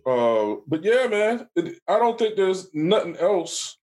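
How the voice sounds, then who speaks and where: A man co-hosting a podcast in casual chat, emphatic and excited about his picks. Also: high-pitched, slow. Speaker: podcast co-host.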